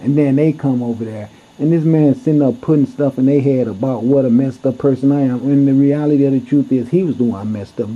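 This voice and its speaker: A man telling a story to camera in a blunt, heated way, cursing freely as he goes. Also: mid-range voice. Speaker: vlogger. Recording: dull lo-fi recording.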